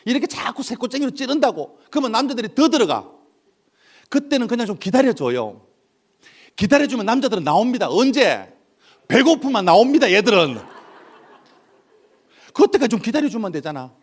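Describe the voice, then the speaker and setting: A man's voice: extremely high pitch, a little fast, long pauses. A man giving a humorous motivational lecture to an audience, telling stories and acting out dialogue in different voices. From South Korea. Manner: animated storytelling, acting out dialogue in dialect and character voices. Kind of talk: comic lecture to a live audience.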